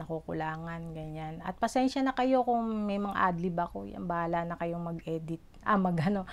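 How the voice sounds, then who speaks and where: A middle-aged woman from the Philippines talks straight to her viewers as a mother sharing her story. Her voice sits a little low, and she rambles earnestly, stopping for fillers and acting out what others said. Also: vocal fry. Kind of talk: personal vlog storytelling.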